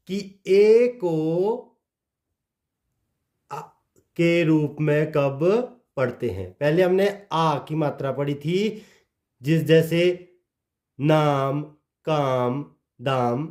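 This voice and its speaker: A fairly high-pitched, slightly mellow male voice speaks at a slow pace. He teaches English pronunciation in a slow phonics lesson, spelling words out letter by letter and letting his voice drop at the end of each phrase.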